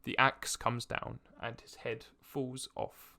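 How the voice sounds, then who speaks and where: A man's voice: medium pitch, level tone, slow, creaky, heavy background noise. A young man narrating as game master in a tabletop game, hesitant with many fillers and restarts. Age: young adult.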